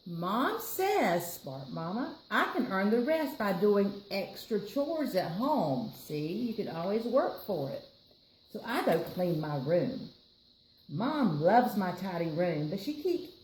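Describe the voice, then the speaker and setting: This library storytime reader, an American woman, has a mid-range and slightly mellow voice. As she reads a picture book to children, she keeps up explanatory, chatty asides aimed at the kids and her co-reader. There's a roomy echo with a little background noise.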